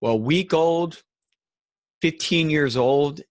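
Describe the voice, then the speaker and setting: A man's voice: a little high, slow, no echo, studio quality. Upbeat male podcast host. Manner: upbeat, says "dude" and "man" a lot. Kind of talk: casual interview chat.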